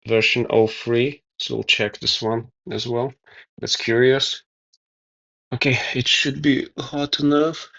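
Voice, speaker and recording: Guy mumbling thru a repair, slow and flat, gravelly, kinda dull lo-fi sound. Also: medium pitch. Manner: mumbling, thinking aloud with pauses and fillers. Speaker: DIY video maker. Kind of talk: casual narration over hands-on repair.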